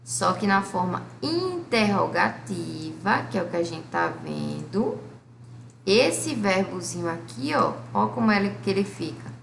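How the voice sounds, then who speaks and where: A woman with a Brazilian Portuguese accent explaining a school grammar lesson, patiently asking questions and answering them herself, and reading examples slowly. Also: fairly low pitch, very animated, creaky, slight background noise. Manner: reads English examples slowly. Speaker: English teacher. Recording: echoey room.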